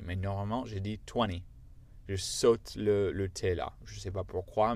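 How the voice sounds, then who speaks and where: A man's voice: lowish voice, darkish tone. A man whose first language is English, speaking French with an American accent, patiently teaching a language lesson step by step.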